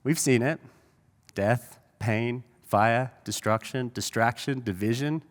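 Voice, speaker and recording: A man's voice: mid-range voice, slow pace. A man hosting a live conference, giving an earnest welcome speech that rouses the audience before the first guest. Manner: earnest, rousing address to the audience. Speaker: event host. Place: large event hall with live audience. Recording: long hall reverb.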